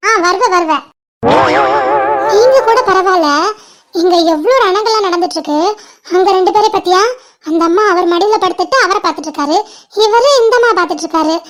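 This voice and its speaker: A lonely, sulking young woman in a cartoon, as a woman voices her. Her very high voice whines and grumbles at her friends and their sweethearts. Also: a little fast, pauses often. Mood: grumbling. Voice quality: whiny and grumbling. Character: sulky lonely young woman missing her faraway lover. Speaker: friend on an outing. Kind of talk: animated cartoon voice acting.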